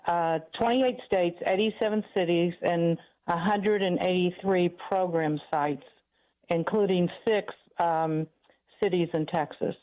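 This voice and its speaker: A woman, a radio interview guest, talking over a phone call whose line keeps cutting out, halting with many fillers. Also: fairly low pitch. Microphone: phone or bluetooth call. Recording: muffled phone line that drops out.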